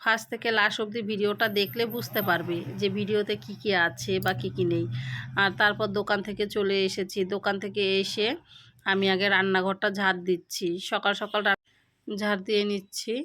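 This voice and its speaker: A middle-aged woman vlogging about her day at home, talking slowly and haltingly with pauses while she has a headache, filmed on a phone set down nearby. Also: mid-range voice, little pitch movement, fairly bright tone. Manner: slow, halting talk with pauses. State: unwell with a headache. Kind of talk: casual daily-life vlog. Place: home kitchen and village shop.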